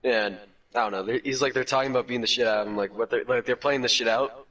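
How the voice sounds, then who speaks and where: A man's voice: medium pitch, fairly even intonation, quick pace, a bit bright. Rambling teenage guy, far from the mic. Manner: rambling, profane, heavy with "like" fillers. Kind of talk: casual storytime chat. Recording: distant from the mic.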